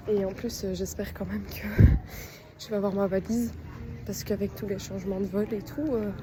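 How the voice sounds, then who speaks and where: A teenage girl with a Belgian French accent, chatting casually to the camera in a travel vlog, self-mocking and talkative. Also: mid-range voice. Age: teens. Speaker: exchange student vlogger. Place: airports, buses and planes while travelling.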